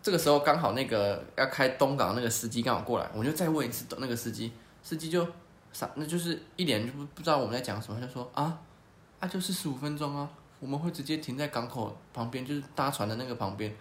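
A man chats quickly and casually, telling a story and slipping into the voices of its characters. His voice sits at a middle pitch. The room is echoey, with a faint hiss behind him. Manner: animated, acts out quoted people. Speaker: podcast host.

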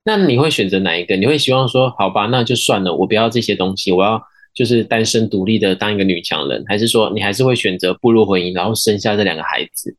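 A woman's voice: rumbling low, fast talker. A woman with a Taiwanese accent co-hosting a casual podcast, chatting in a joking manner. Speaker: podcast co-host.

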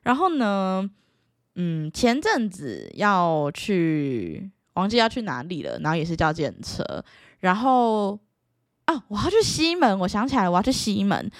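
A young woman with a Taiwanese Mandarin accent talks straight to camera in a casual, exasperated vlog style. Her pitch jumps around a lot as she acts out the back-and-forth of her stories. The recording is dry and close, with no room sound. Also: a little slow, no room sound. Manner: exasperated, animated, acts out quoted dialogue. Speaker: vlogger.

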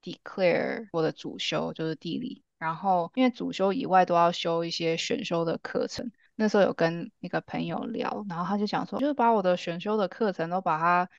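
A young woman co-hosting a casual podcast, talking in a relaxed, thoughtful way. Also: lowish voice, a little fast, creaky, hardly any pauses, dry recording, highs cut off. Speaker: podcast co-host.

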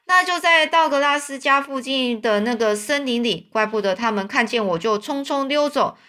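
A woman's voice: sits high, expressive, moderate pace, sharp tone. A woman voicing a kindly, talkative old man in a storybook reading. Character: kind old man, warm father.

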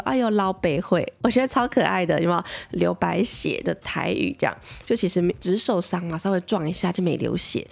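A woman's voice: on the low side, creaky. A woman in her thirties, a mother and pediatrician with a Taiwanese Mandarin accent, chatting casually as she tells a family story and keeps checking that listeners agree.

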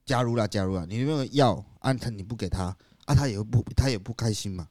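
A man's voice: fairly low pitch, fast talker, a little mellow, no echo, studio quality. A man with a Taiwanese accent chatting casually and frankly as a podcast co-host, in colloquial speech peppered with English words.

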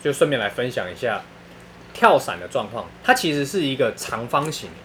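A man's voice: mid-range voice, very animated, moderate pace, fairly bright tone, slight background noise. A man with a Taiwanese Mandarin accent telling funny stories in casual chat, laughing often and using crude slang.

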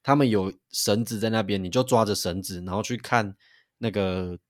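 A man, co-hosting a podcast and telling a story in an animated way, with frequent restarts. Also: lowish voice, moderate pace, no echo, studio quality. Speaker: podcast co-host. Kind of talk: casual chat.

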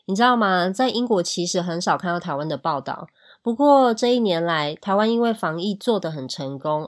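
A woman from Taiwan with a Taiwanese Mandarin accent, hosting a casual podcast English lesson and chatting with listeners. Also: lowish voice. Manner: chatty, asks listeners questions, demonstrates English words slowly. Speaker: English teacher and podcast host.

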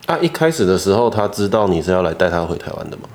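Host: man with a very deep voice, short probing questions. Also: big pitch swings, rapid-fire, a little mellow. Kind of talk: interview questions.

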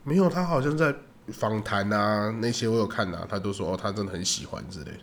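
A young man, co-hosting a podcast in relaxed, teasing casual chat. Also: lowish voice, fast, a little hiss or hum. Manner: teasing, laid-back, laughs often. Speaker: podcast co-host.

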